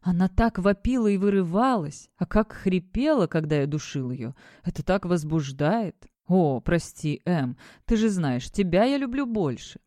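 A woman voicing a mocking, sadistic male kidnapper who taunts in a sing-song, drawn-out way. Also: fairly high pitch, big pitch swings, warm tone, no room sound, clean studio sound, pitched above the performer's own voice. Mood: taunting.

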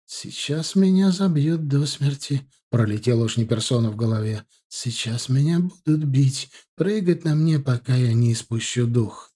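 A man's voice: mid-range voice, normal speed, few pauses, mellow, breathy edge, lightly acted. A man voicing a fussy, ironic middle-aged lawyer in a mannered way. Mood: terrified.

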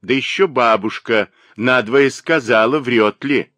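A man voicing a spiteful, gossiping old spinster woman with a shrill, mocking manner in an audiobook. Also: a little slow, a bit bright, no room sound, close to an everyday voice.

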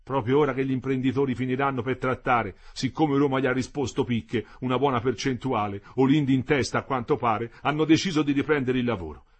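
A man voicing a worried young male bricklayer in a read-aloud novel, speaking urgently and growing louder as he explains. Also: on the low side, expressive, brisk, hardly any pauses, breathy edge.

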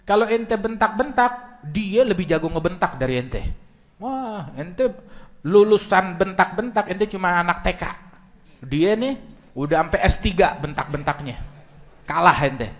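A man's voice: sits high, lively intonation, unhurried, long pauses. A preacher speaks to a live audience in a slightly raised voice. His talk is colloquial and joking, told as a story more than a lecture. He holds the room with an easy, humorous delivery. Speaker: Islamic preacher. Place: religious gathering with live audience, filmed.

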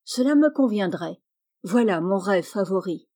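A woman's voice: mid-range voice, expressive, a little slow, mellow. A woman voicing a bold, ambitious teenage girl with a spirited, eager manner, read from a storybook.

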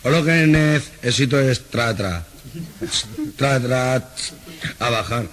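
A man's voice: medium pitch, takes it slowly, a bit bright. A man voicing an eager, long-winded stuttering job seeker who drags out and repeats syllables. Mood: pleading.

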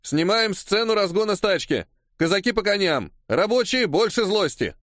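A man voicing a hurried, bossy assistant film director calling out loud commands. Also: sits high, lively intonation, no room sound, clean studio sound, pitched above the performer's own voice. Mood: commanding. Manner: loud commanding calls, hurrying people.

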